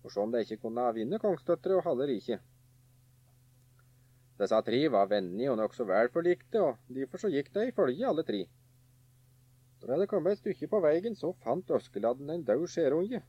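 A man narrating a folk tale in a lively, animated way. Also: mid-range voice, husky, dry recording. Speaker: storyteller. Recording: dull, dry recording.

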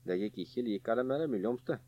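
Lively husky male storyteller. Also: mid-range voice, dry recording. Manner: lively, animated telling. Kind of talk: folk tale narration. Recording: dull, dry recording.

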